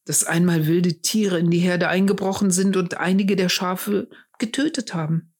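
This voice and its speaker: Grumbling, wronged shepherds, as a woman reads them in a storybook tale, telling their story of unfair treatment in an indignant voice. Her tone stays husky and fairly low. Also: normal speed, a little mellow. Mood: aggrieved. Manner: indignant, complaining. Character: aggrieved shepherds back from the village.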